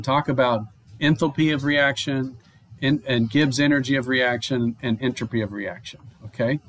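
A male chemistry professor giving a recorded online lecture, explaining at a steady pace with fillers, restarts and "okay?" checks. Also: mid-range voice. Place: home or office, online lecture.

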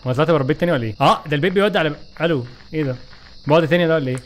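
A man with an Egyptian Arabic accent giving excitable, joking let's play commentary, talking back to the game. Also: on the high side, very fast. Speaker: gaming YouTuber.

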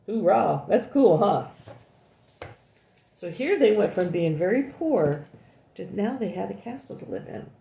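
An older woman reading a picture book aloud to a child, often pausing to comment and ask questions. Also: medium pitch, gravelly, dark tone. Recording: echoey room.

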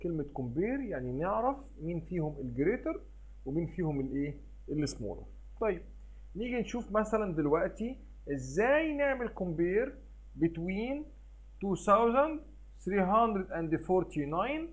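A man with an Egyptian Arabic accent, teaching a recorded math lesson for children. He asks questions and answers them himself, mixes in English math terms and reads numbers out slowly. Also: sits high.

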